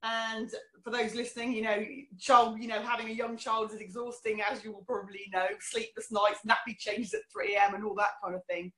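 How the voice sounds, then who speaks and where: A woman's voice: a little high, flat delivery, a little fast, hardly any pauses, bright, forceful tone. A middle-aged woman from England, candidly telling her life story as an interview guest, with many fillers. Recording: roomy echo.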